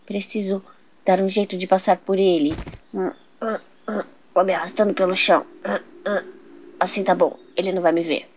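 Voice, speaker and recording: A woman's voice: medium pitch, steady tone, normal speed, long pauses, a little mellow, slight background noise, voice pushed down, lightly acted. A woman voicing a sneaky, lovesick grown man who mutters his plans to himself in a toy doll soap opera. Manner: whispering to himself, scheming.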